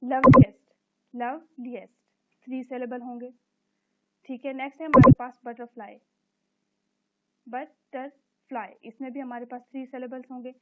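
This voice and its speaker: A woman's voice: high-pitched, level tone, very noisy. Woman teacher on a tinny line. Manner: explains step by step, repeats words slowly and checks with a recurring "theek hai". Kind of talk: recorded classroom lesson explaining English grammar. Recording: tinny phone-like recording.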